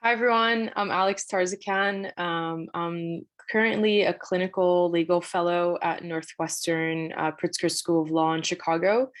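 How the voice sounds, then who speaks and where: A woman from Syria speaking as a panelist on a video call, measured with frequent fillers. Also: fairly low pitch, steady tone. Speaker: panelist, legal fellow. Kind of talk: panel discussion.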